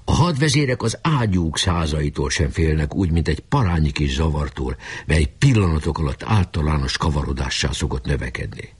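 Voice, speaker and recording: A man narrating a story aloud in an expressive storytelling manner. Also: extremely low pitch, husky. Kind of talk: audiobook narration.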